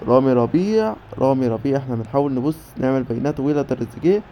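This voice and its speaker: An Egyptian man commentating his own football video game match with rapid bursts of player names and cheering. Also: mid-range voice, lively intonation, slight background noise. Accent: Egyptian Arabic. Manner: rapid name-calling bursts, cheering shouts. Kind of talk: excited play-by-play game commentary.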